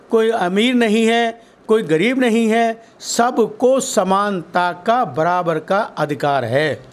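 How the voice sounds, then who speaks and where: A man being interviewed as a social worker, answering in a slow, deliberate and emphatic way. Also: high-pitched.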